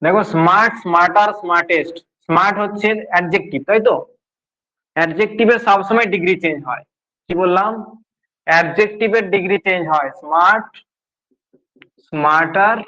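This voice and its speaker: A male teacher giving a grammar lesson, explaining slowly, repeating key points and quizzing his students. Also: high-pitched, pushed and bright, muffled recording.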